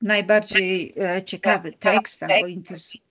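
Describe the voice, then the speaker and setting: A woman leading a teaching-methods webinar, talking unscripted and measured, with frequent pauses and thoughtful hums. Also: mid-range voice, fairly even intonation, fairly bright tone. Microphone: video call.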